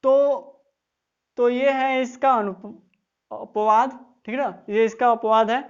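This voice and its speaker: A woman's voice: fairly high pitch, steady tone, slow, smooth, lo-fi sound. A woman teaching English grammar in an online class, explaining step by step and often checking that students follow.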